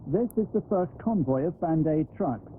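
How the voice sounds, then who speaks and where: Fairly high-voiced male narrator, measured and formal, off worn VHS tape with faint hiss. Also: lively intonation. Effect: worn old VHS tape sound. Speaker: documentary narrator. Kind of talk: scripted narration. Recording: tinny lo-fi old video tape, faint noise.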